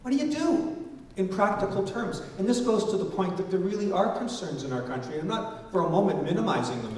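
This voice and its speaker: A man's voice: fairly high pitch, darkish tone. Man speaking in an echoey hall. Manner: earnest, emphatic, with repeated restarts. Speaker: panelist at a public consultation. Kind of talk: public forum speech. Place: large church hall. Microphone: stand mic, filmed by a far camera. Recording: echoey hall, voice picked up from far off, faint noise.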